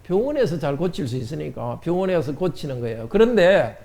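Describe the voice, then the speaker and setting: A man's voice: fairly high pitch, big pitch swings, a little fast, creaky, darkish tone. A man pastor giving a children's sermon in church, asking the children questions and answering them. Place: church sanctuary.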